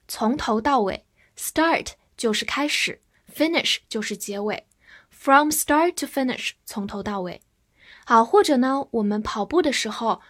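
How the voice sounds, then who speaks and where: A woman's voice: on the high side, fairly bright tone. A woman teaching English vocabulary, spelling each word letter by letter and repeating example sentences for learners. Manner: spells words out letter by letter, slow drilled repetition. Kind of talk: spoken vocabulary lesson.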